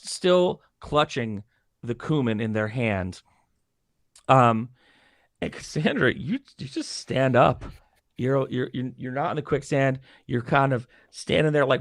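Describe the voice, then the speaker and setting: Gravelly man running a tabletop game. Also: mid-range voice, no echo, clean studio sound. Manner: playful, loose narration with restarts. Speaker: game master.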